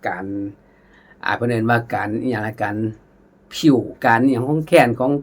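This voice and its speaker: A man's voice: mid-range voice, moderate pace. Chatty Isan-accented man teaching khaen. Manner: chatty, addresses viewers as brothers and sisters; vocalizes melodies with syllables. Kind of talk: casual spoken lesson.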